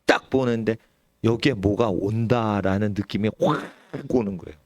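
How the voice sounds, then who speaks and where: A middle-aged man preaching a sermon as pastor, animated, sometimes shouting and sometimes dropping his voice low. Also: moderate pace, no echo, studio quality. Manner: animated, suddenly shouts or drops low, acts out quoted elders. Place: church sanctuary.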